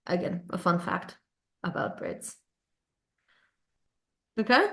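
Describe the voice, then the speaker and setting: A woman hosting a language club, explaining informally to a group and often checking in with a quick "right?". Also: on the low side, huge pitch swings, fairly bright tone. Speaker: English club host. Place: group online call. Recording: roomy, echoing online call.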